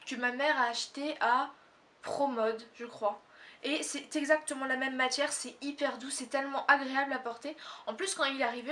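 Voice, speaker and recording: High-voiced teen girl, rambling haul chat. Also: a bit bright, recorded from a distance. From Réunion. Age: teens. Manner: rambling, many fillers and self-corrections. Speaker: fashion haul vlogger. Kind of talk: casual haul video chat.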